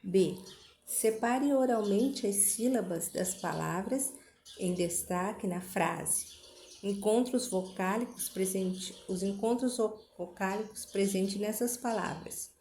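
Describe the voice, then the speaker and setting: A woman's voice: mid-range voice, takes it slowly, mellow, slight background noise. A woman teacher reading a school lesson aloud, patient, going through the exercises word by word.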